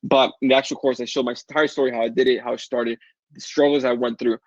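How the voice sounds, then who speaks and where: Caribbean guy w spanish accent doing a fast webinar sales pitch, kinda husky, dull dry audio. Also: flat delivery, no room sound. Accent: Latin American Spanish. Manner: fast, upbeat sales pitch answering chat questions. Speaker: online course seller hosting a webinar. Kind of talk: live webinar Q&A.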